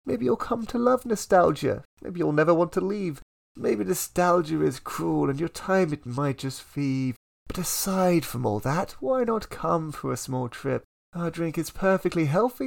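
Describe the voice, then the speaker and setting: A gravelly, theatrical salesman , as a poet puts him on, who coaxes and tempts his listeners with a showy pitch, his voice swinging up as he sells. He speaks with the polished flair of a spoken-word performance. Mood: tempting. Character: smooth-talking male salesman pitching a seductive trip into the past.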